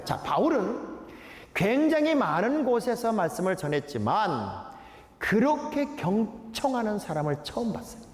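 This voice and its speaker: A Korean pastor in his sixties, a man, preaching a sermon with lively humorous storytelling. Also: sits high. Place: large church sanctuary. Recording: echoey church hall, faint noise.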